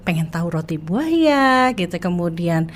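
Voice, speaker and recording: A woman's voice: on the low side, big pitch swings, a little slow, a little hiss or hum. A woman, a university guest explaining things in colloquial speech in a radio studio interview.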